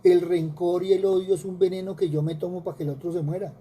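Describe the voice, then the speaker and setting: Dark-voiced Colombian preacher. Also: male voice, high-pitched, level tone, quick pace, slight background noise. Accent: Colombian Spanish. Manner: earnest preaching with repetitions and rhetorical questions. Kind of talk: sermon.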